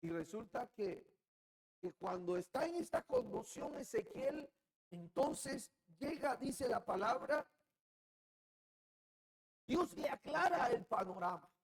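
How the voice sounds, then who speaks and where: A male pastor with a Colombian Caribbean Spanish accent preaching a sermon, moving from quiet musing to loud, shouted outbursts. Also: very high voice, vocal fry, husky, low-quality recording.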